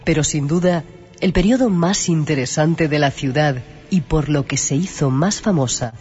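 A man giving measured, scripted documentary narration. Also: on the high side, a little mellow. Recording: dull sound with music bed.

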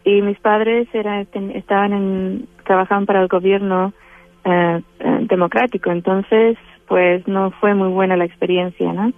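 Over tinny phone-line audio with no echo, a Chilean woman speaks with a Chilean Spanish accent as a spiritual interview guest. Her mid-range voice is flat and a little slow, and she hesitates often, using fillers and restarting sentences.

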